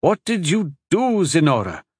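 A man's voice: a little high, very animated, slow, no room sound, clean studio sound, pitched above the performer's own voice, exaggerated voice. A man doing a folksy, blunt old husband. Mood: scolding.

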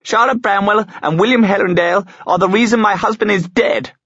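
A man's voice: high-pitched, a little fast, fairly bright tone, dry recording, lo-fi sound, pitched above the performer's own voice. A man voicing a defiant, bitter young widow who exclaims angrily, in an audiobook. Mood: outraged.

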